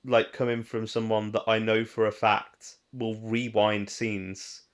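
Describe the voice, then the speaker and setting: A man's voice: lowish voice, little pitch movement, measured pace. A man co-hosting a podcast, chatting casually with teasing, incredulous banter. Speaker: podcast co-host. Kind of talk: casual chat.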